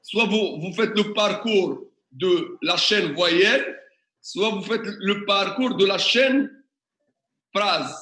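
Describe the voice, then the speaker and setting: A man's voice: high-pitched, slow, sharp tone. A man teaching a classroom tutorial, questioning the class and working through examples step by step. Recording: echoey classroom.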